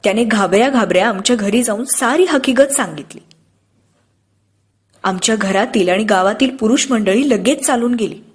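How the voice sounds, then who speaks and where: A woman narrating an audiobook in a steady, expressive storytelling manner. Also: on the high side, moderate pace, breathy edge.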